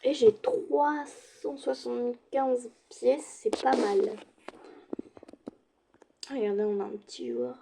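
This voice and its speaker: Slow, gravelly woman gaming. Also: a little high, fairly even intonation, slight background noise. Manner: chatty, addresses viewers directly, slips into soft asides. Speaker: gaming streamer. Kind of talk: casual let's-play commentary.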